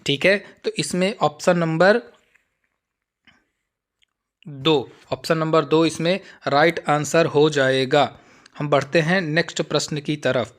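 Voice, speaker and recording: Male exam-prep tutor, fairly high voice, reads options slowly and explains plainly. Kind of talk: Hindi exam-prep lesson with slow Sanskrit reading.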